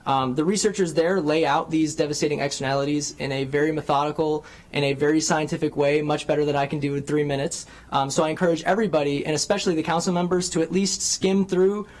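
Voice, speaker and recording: Earnest young man testifying, slightly high voice. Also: fairly even intonation, quick pace, few pauses. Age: young adult. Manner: earnest, many ums and uhs. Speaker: public hearing speaker, bus rider. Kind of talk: prepared public testimony. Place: large county council chamber, seated at a desk. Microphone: desk microphone on a stand.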